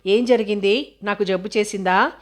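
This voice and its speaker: A woman's voice: mid-range voice, fairly even intonation, normal speed, close to an everyday voice. A woman voicing a frightened ten-year-old girl who is hurt but defiant, in an audiobook reading. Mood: plaintive.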